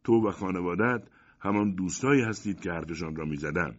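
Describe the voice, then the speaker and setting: A lonely, fearful monster, as a male reader puts him on, speaking in a very low voice with humble, anxious politeness. It is a storybook reading on a dull, lo-fi recording. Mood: pleading.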